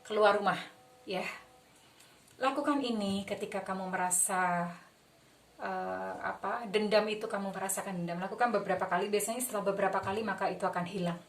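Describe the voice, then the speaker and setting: A young woman with an Indonesian accent talks viewers through a tarot reading and a gentle healing exercise, her voice soft, soothing and affectionate. She sits a little back from the microphone, so the sound is slightly distant. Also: mid-range voice, fairly even intonation, a little fast. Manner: soothing, affectionate, mixes English phrases. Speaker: tarot reader. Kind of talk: guided healing visualization and tarot talk.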